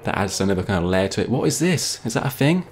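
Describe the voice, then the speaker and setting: A man's voice: fairly low pitch, very animated, fast, slight background noise. A man giving nervous, jokey let's-play commentary, rambling and yelping when he gets startled. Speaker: gaming youtuber.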